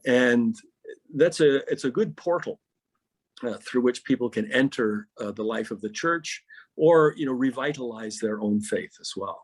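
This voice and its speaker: A man's voice: medium pitch, lively intonation, unhurried, husky. A middle-aged pastor in a podcast interview, telling stories animatedly and often repeating words as he starts a thought.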